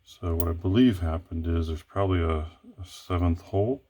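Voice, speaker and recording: A man with a very low voice talks himself through picking a lock. He thinks aloud in a hesitant way, starting phrases over and correcting himself mid-sentence. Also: moderate pace, dark tone. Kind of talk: thinking aloud while working.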